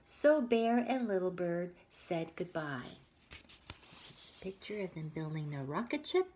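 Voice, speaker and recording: A woman teacher with a low, slightly breathy voice reads a children's picture book aloud expressively. She often steps out of the story, pausing to ask her young listeners questions.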